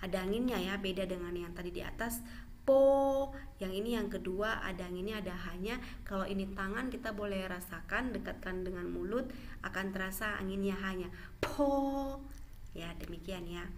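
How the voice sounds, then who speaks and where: A woman's voice: mid-range voice, steady tone, a little hiss or hum. A woman teaching Mandarin pronunciation in a classroom style, stretching out model syllables and checking in with "ya". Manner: slow, drawn-out model syllables with frequent "ya" check-ins.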